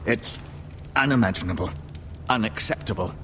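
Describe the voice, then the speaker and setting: A man's voice: fairly low pitch, fairly bright tone, slight background noise, close to an everyday voice. A man voicing a grave old castle maester. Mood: solemn. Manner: measured, solemn, advising. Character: grave older male castle maester, healer. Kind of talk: video game voice acting. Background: game music.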